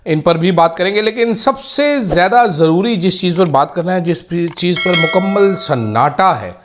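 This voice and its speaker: Man, fairly high voice, sarcastic political vlog host. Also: animated, moderate pace, noisy background. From Pakistan. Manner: sarcastic, mocking. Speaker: political commentator. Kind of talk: casual political commentary vlog.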